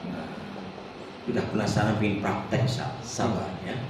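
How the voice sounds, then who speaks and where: A man teaching a Quran recitation workshop, explaining the melody and chanting verses slowly for the group to repeat. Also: lowish voice, background noise. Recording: echoey hall, distant mic.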